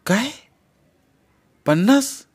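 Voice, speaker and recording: A man voicing Radha, an anxious, excitable village mother in a read-aloud story. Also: high voice, extremely slow, slightly rough, pitched above the performer's own voice, heavily acted. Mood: astonished. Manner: fretful and bustling.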